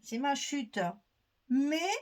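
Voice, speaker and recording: A woman's voice: sits high, very slow. Chatty woman hosting a craft tutorial. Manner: chatty, thinks aloud, frequent fillers; laughs at herself. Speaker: scrapbooking tutorial host.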